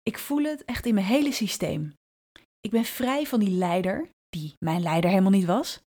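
A woman who hosts a podcast and works as a brand strategist tells a personal story in an intimate, vivid way. Her voice is medium-pitched, and she slows down, draws out her phrases, and slips into soft asides.

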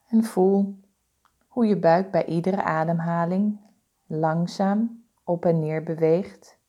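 Slow, mellow woman guiding meditation. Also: lowish voice. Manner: slow, calm, soothing, deliberate instructions with pauses. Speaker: guided meditation instructor. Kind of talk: guided body-scan meditation.

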